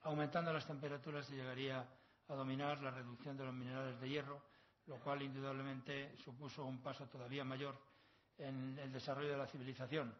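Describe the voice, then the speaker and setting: At a conference in a long hall, recorded with slightly dull, lo-fi quality, a Castilian-accented professor from La Mancha, middle-aged, lectures a little fast with a medium-pitched, flat delivery. His style is erudite and rambling, peppered with proverbs and scholarly asides.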